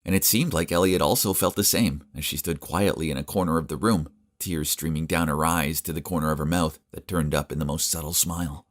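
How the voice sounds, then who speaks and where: Deep-voiced young man narrating a story. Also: fairly even intonation, fairly quick, few pauses. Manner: confiding, dramatic. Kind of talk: first-person story narration.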